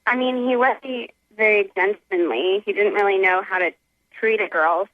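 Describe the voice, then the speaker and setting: A woman's voice: medium pitch, normal speed, dry recording. Defensive woman on a dull phone line. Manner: defensive, entitled. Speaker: caller. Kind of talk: phone call on a radio show.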